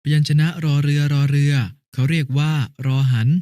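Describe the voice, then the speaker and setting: A man's voice: a little high, little pitch movement, normal speed, mellow, clear, resonant tone, no room sound, studio quality, natural voice. A man playing a patient older brother who explains a lesson step by step in an educational cartoon.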